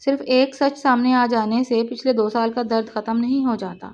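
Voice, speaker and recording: A woman's voice: fairly high pitch, fairly even intonation, a little mellow, lightly acted. Storybook: bitter wronged young wife, read by a woman, firm and cold, dull lo-fi audio. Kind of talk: storybook reading of a novel.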